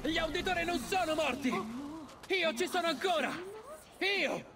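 Young game assassin, defiant high yelling, lots of noise behind. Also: male voice, unhurried. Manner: emphatic, defiant shouted declaration. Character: defiant young male Italian nobleman turned avenging assassin. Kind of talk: video game voice acting. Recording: heavy game background noise.

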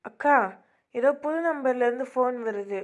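A woman's voice: high voice, normal speed, dull audio, close to an everyday voice. A woman voicing a middle-aged mother who scolds and frets over her missing son in an amateur voice drama. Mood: anxious.

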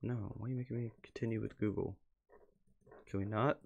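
A gravelly, darkish male voice, lowish in pitch and fairly even in intonation, moves at a fairly quick clip. He's hosting a laid-back livestream indoors, reading posts off his computer and muttering to himself. The lo-fi recording carries slight background noise.

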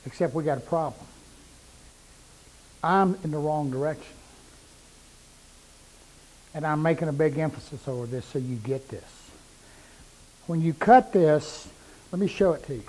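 A man's voice: on the high side, a little slow, long pauses, darkish tone, rough recording. A middle-aged man demonstrating cuts in his woodworking shop, plain-spoken and repeating points for emphasis while he works, on a lapel mic. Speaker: woodworking instructor. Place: woodworking shop with power saws.

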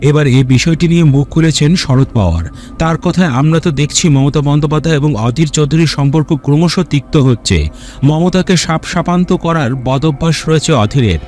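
A man reading a scripted news voice-over in an even, reading tone. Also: on the high side. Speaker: news narrator.

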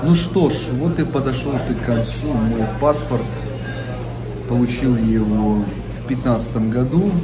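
A man's voice: medium pitch, measured pace, poor audio. Male travel vlogger narrating over music. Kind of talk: casual, jokey travelogue narration.

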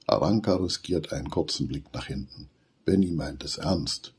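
A man reading a children's story aloud as storyteller, in an expressive, animated way. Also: extremely low pitch, moderate pace, slightly rough.

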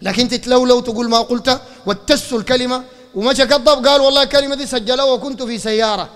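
A man with a Sudanese Arabic accent giving a fiery religious lecture, firing rhetorical questions and breaking into shouts. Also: very high-pitched, steady tone, fast, clean tone. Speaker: preacher. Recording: long hall reverb.

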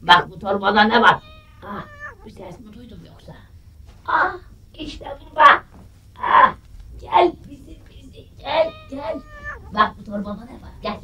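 A woman playing a grumpy, sharp-tongued grandmother in her seventies, cranky and scolding in a comedy sketch. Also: mid-range voice, lively intonation, normal speed, long pauses, distant mic, a little hiss or hum. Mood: coaxing. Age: 70s.

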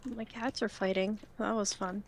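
A woman's voice: medium pitch, steady tone, moderate pace, a little hiss or hum. A woman chatting with a friend on a call, teasing and giggly. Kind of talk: casual chat.

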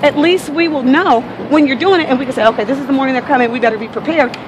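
Rapid-fire and high-pitched, an American local woman confronts a protester outdoors on a city street beside traffic. She argues and negotiates insistently, over and over repeating herself and talking over the other person. The noisy audio comes from a handheld phone camera.

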